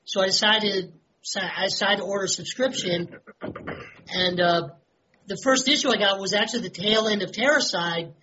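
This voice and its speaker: A woman's voice: mid-range voice, normal speed, bright, forceful tone, a little hiss or hum. A woman chatting casually in a group conversation, rambling with lots of fillers. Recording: dull lo-fi recording.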